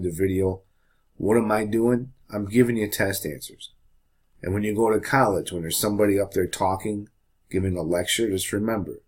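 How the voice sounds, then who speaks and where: A man teaching a high school history lesson in a casual, chatty way, often checking in with the class. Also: darkish tone, slightly rough. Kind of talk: classroom lecture.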